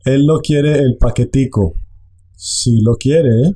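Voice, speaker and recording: A man teaching a language online, explaining slowly and repeating phrases. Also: medium pitch, mellow, breathy edge.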